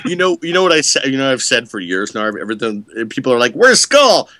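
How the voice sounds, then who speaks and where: Wisecracking man with a lively, bright voice. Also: mid-range voice, fast talker, dry recording. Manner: wisecracking, self-mocking, rambling. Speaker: podcast guest, actor. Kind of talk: joking podcast chat.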